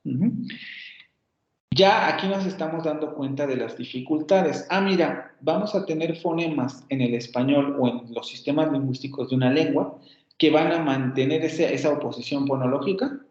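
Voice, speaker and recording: A man with a Mexican Spanish accent, giving a university phonetics lecture slowly and deliberately, rephrasing himself and checking in with his students. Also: mid-range voice. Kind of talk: explanatory online class lecture. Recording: roomy, dull lo-fi class recording.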